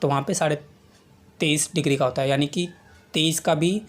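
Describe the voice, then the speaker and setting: A man's voice: fairly high pitch, fairly even intonation, brisk. A young adult male teacher giving an exam-prep lesson. He repeats points and keeps checking in with students, calling them "beta". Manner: repetitive, checks in with frequent okays, calls students 'beta'.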